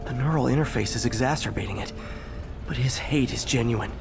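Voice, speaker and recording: A man's voice: mid-range voice, brisk, creaky, over music, natural voice. A man voicing an earnest, wisecracking young superhero who thinks aloud as he investigates in a video game. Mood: troubled.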